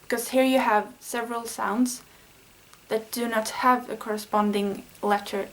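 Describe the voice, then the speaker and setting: A Swedish language-learning vlogger gives a casual, explanatory lesson, her earnest voice fairly high and even-toned. She talks a little slowly, thinking aloud with small fillers, and the recording quality is low.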